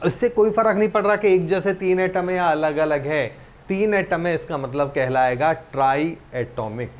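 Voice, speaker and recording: A man teaching a recorded chemistry lesson, reading out element lists and quizzing students with questions he answers himself. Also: on the high side. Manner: reads lists of elements slowly, one by one.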